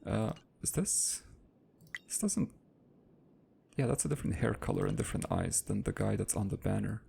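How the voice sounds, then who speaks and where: A man's voice: lowish voice, huge pitch swings, normal speed, vocal fry, mellow, slight background noise. A man casually thinking aloud while playing a game and reading its text out as he goes. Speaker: gaming let's-play host.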